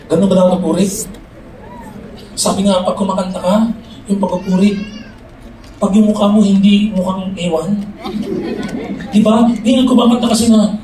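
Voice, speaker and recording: High-voiced Filipino preacher in echoey hall. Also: male voice, fairly even intonation, moderate pace, long pauses. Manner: shouts and sings phrases, switches between Tagalog and English. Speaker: youth conference preacher. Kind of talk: sermon. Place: large hall with an audience. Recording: echoey hall from far off, loud crowd and noise.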